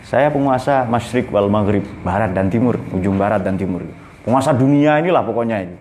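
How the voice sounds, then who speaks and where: A man's voice: on the low side, brisk, a little mellow, slight background noise, close to an everyday voice. A man voicing a proud, haughty caliph who boasts of his rule and demands answers. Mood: boastful. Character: proud haughty male caliph, middle-aged ruler.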